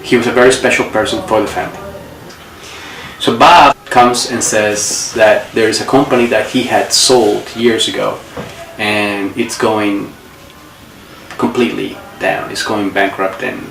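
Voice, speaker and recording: A man in his forties from Colombia, speaking English, who tells his life story reflectively and pauses to recall details. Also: fairly low pitch, fairly even intonation, vocal fry, a bit bright, a little hiss or hum. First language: Spanish. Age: 40s. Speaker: interviewee. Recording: roomy echo, distant mic, faint ambience.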